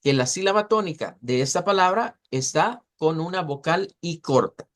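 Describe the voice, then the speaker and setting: A man's voice: a little high, animated, fairly bright tone. Man teaching pronunciation, repeating words. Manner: explanatory, repeats words slowly to model sounds. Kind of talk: online class lecture.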